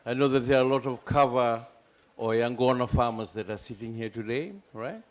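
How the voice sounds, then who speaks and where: A man acts as master of ceremonies, haltingly introducing a speaker and checking in with the audience. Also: mid-range voice. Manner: halting, engages audience with tag questions. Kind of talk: informal live introduction. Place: indoor hall, standing at a lectern.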